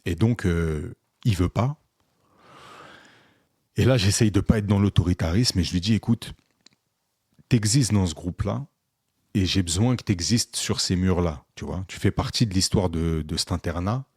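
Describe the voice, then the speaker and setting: Male co-host, lowish voice, animated storyteller, dry close sound. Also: moderate pace, pauses often, breathy edge, no room sound. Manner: animated, re-enacts dialogue with many fillers. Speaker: podcast co-host, photographer. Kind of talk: casual storytelling chat.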